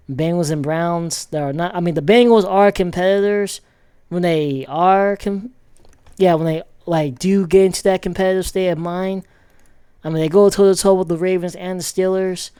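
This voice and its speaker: Guy rambling about football w lots of ums, kinda high smooth voice. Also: a little mellow, no room sound, clean studio sound. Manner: rambling, many ums and restarts. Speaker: football commentator. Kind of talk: casual sports commentary vlog.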